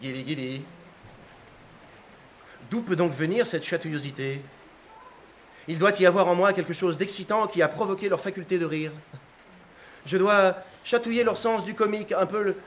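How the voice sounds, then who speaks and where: A man narrating a literary text as a dramatic reading, in an expressive, theatrical way that moves from hushed to excited. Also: a little high, a little hiss or hum.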